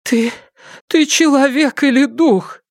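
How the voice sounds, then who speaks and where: A man's voice: very high voice, slow pace, no echo, studio quality, pitched above the performer's own voice, full character voice. A man voicing a fretful elderly grandmother who urges and scolds in a raised, anxious voice. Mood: urgent. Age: older.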